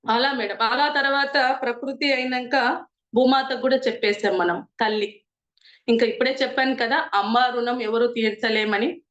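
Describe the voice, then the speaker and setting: A woman's voice: high-pitched, fairly bright tone. A middle-aged woman telling a moral story in an earnest, preachy, conversational way. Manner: earnest and moralizing, retells a story with quoted dialogue. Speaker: meditation group member sharing experiences. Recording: roomy, dull lo-fi sound.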